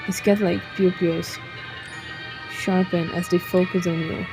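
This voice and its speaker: A woman's voice: lowish voice, level tone, a little slow, rough recording. A woman reading a visual novel aloud, breaking off with joking asides. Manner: reads narration, breaks off to joke and laugh. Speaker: game streamer. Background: game music.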